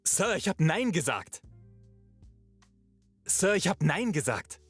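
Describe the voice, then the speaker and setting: A man's voice: high voice, very animated, fast talker, breathy edge, no room sound, soft background music, voice pushed up, exaggerated voice. A man voicing an irritated male Prussian soldier for a war game, with a German accent and curt, annoyed refusals. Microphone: booth microphone.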